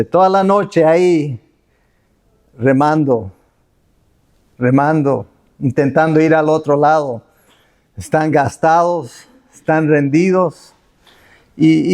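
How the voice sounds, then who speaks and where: A man's voice: a little high, darkish tone. A man preaching a sermon as pastor, talking freely frequent restarts and fillers like "you know" and "right". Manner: unscripted preaching, many restarts, slips into English fillers.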